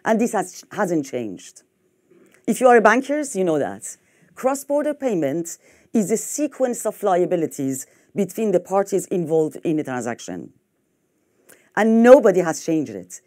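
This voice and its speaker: Woman, middle-aged, French accent, conference speaker; lowish, mellow voice, emphatic delivery. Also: normal speed. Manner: lively, emphatic, with restarts. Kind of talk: conference keynote talk. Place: hotel conference room.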